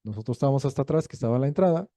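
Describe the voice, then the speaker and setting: A male pastor, preaching a sermon in a lively, joking storytelling manner. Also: medium pitch, racing, no room sound. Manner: lively storytelling, acting out quoted voices; jokey, laughs between points.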